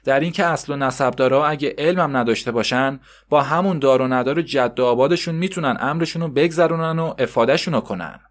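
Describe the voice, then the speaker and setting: A man narrating a story for a podcast, with measured explanatory asides. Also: mid-range voice.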